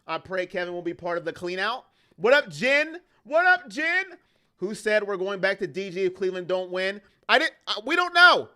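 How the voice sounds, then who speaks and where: Fired-up, bright-voiced male fan host. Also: high-pitched, very animated. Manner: heated, ranting, fast-shifting intensity. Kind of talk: livestream sports talk, reading chat.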